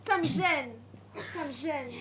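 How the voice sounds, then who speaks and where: A woman's voice: high-pitched, slow pace, crowd noise. An actress playing a shy woman who says everything twice, on a live stage. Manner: says each sentence twice, flat and shy. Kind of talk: live amateur stage acting. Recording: live stage with audience noise.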